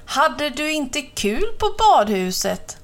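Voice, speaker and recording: A woman voicing an anxious, excitable male crow in a storybook reading. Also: high voice, voice pushed up. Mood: worried, excitable. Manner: worried, excitable.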